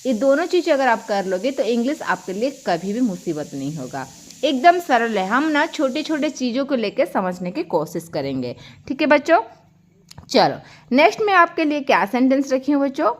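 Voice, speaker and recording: A young woman from India teaches an online grammar lesson with a high, animated voice that swoops up and down. She explains word pairs patiently and calls her viewers children. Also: normal speed. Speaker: English teacher.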